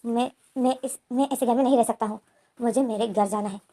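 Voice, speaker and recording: A stubborn, bedridden young man, as a woman storyteller puts him on snaps back in curt, demanding lines. The voice sits fairly high, with a mellow tone. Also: steady tone, brisk.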